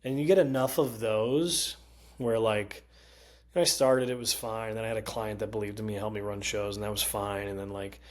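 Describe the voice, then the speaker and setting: A male comedian with a Connecticut accent telling animated, profane stories in casual chat and mimicking other people's voices. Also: fairly low pitch, moderate pace. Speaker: comedian guest. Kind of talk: casual storytelling.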